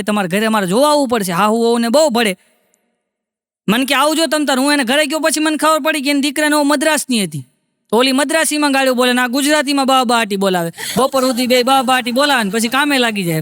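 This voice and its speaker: A man telling jokes on stage with quick, punchy delivery and mock quotes. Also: extremely high pitch, fairly bright tone, no room sound, studio quality, long reverb tail. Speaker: stand-up comedian. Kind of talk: Gujarati joke telling.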